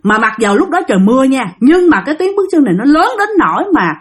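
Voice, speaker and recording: A woman's voice: high-pitched, sing-song, fast. A woman telling a ghost story in a chatty manner, speaking directly to her listeners. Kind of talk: spoken ghost story narration.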